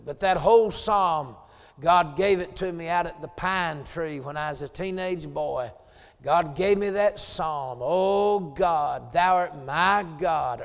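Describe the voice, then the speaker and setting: Gravelly and pitched slightly higher than most men, a Southern preacher in his late forties delivers a revival sermon in a church sanctuary. He shifts between low, chatty asides and loud, shouted scripture. A long echo rings through the church.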